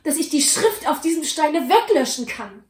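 A woman voicing a frightened old miser who pleads in despair, his voice rising high. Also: very animated, normal speed. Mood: desperate pleading. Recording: roomy echo.

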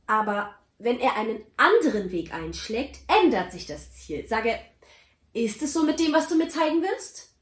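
A woman's voice: very animated, moderate pace. Scrooge, a frightened old miser, as a woman puts him on. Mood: anxious questioning. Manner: pleading, voice rising high in despair. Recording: roomy echo.

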